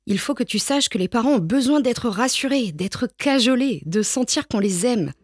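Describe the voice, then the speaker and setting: A woman reading a children's storybook aloud with gentle, expressive storytelling. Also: fairly high pitch, moderate pace, dry recording. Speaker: storybook reader. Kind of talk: read-aloud picture book narration.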